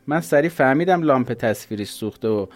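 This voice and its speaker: A man's voice: medium pitch, lively intonation, no echo, voice pushed up, natural voice. A man voicing an earnest, slightly defiant teenage boy who tells his father a story.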